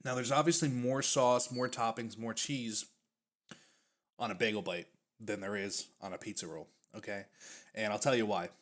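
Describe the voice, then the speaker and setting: A man's voice: lowish voice, steady tone, moderate pace. A man casually reviewing snack foods on his stream, chatty and full of fillers, sometimes talking with his mouth full. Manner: chatty, uses many fillers, talks while chewing.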